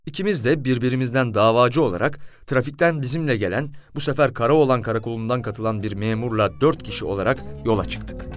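A man narrating a first-person story in a wry, lively telling. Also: mid-range voice, fast, few pauses, no echo, soft background music.

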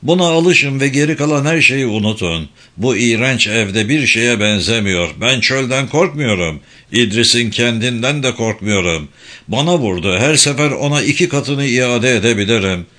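A man's voice: mid-range voice, animated, normal speed, sharp tone, voice pushed up. A man voicing an angry, scornful young man in a read-aloud novel. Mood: bitter defiant. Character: bitter, defiant young man, mocking.

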